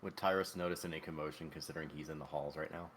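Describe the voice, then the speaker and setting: Fast, gravelly deep-voiced man from afar. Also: fairly even intonation, fairly bright tone. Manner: quick, direct questions about the game. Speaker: tabletop role-play player. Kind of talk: in-character tabletop role-play.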